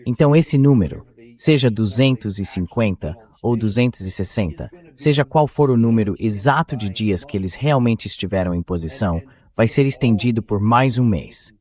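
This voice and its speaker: A Brazilian man with a lowish, darkish voice speaks expressively at a normal pace. He's a talk show host and political commentator who delivers opinionated news commentary in a blunt, sarcastic, colloquial style.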